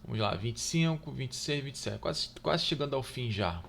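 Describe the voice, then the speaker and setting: A man teaching an exam-prep grammar lesson, reading each question slowly and louder, then answering in a quick, low aside and checking in with "tá?" and "né, gente?". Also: lively intonation, creaky, a little hiss or hum. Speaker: Portuguese exam tutor.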